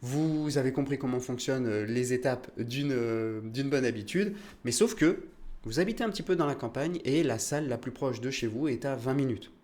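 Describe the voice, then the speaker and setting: Man, French accent, young adult, casual podcast host, chatty, lots of fillers, mid-pitched voice. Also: moderate pace, a little mellow. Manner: chatty, explanatory, many fillers and restarts. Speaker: podcast host, calisthenics coach. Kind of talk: casual solo podcast talk.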